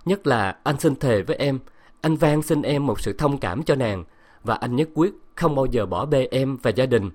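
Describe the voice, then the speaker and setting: A man reading the lines of a remorseful middle-aged husband, soft and earnest. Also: mid-range voice, lively intonation, normal speed, pitched above the performer's own voice, natural voice. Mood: pleading.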